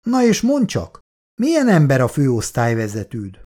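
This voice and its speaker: Reader playing probing husband, casual but suspicious, mellow tone. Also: male voice, mid-range voice, wildly swooping pitch.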